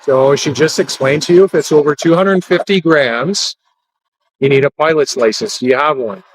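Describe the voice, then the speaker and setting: Man, cop, calm, hesitant, somewhat high voice, faint noise. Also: normal speed, low-quality recording. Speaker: police officer. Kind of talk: on-duty exchange. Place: outdoors on a street.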